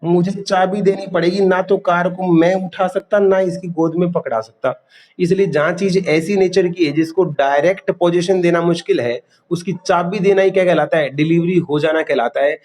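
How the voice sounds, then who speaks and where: A man's voice: high-pitched, fairly even intonation, moderate pace, a little mellow. A man teaching a class, quizzing students and repeating key terms. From India. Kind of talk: classroom lecture.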